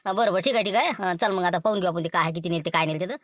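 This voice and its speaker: A man playing a fast-talking Varhadi boss. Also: high voice, fairly bright tone, no room sound, studio quality. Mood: bossy. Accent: Varhadi Marathi. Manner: bossy and rapid, fond of "ha" and "nahi ka". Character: scheming middle-aged businessman boss. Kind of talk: village comedy sketch acting.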